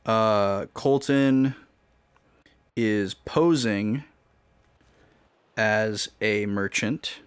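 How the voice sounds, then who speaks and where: While streaming a video game, this man offers casual commentary, thinking out loud and joking as he jots down notes. He has a smooth, fairly low voice and talks very slowly, pausing often.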